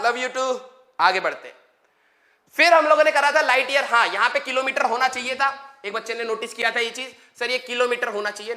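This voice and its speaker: A man's voice: very high-pitched, bright, forceful tone. A young man from Haryana teaching physics in an online exam-prep lecture, chatty and joking with students, drawing out definitions word by word. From Haryana, India.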